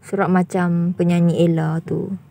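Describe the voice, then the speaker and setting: A young woman with a husky, raspy voice sitting a touch low. She addresses her viewers in a vlog monologue. She sounds firmly indignant and repeats herself for emphasis. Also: little pitch movement, a little slow, warm tone. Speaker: YouTuber.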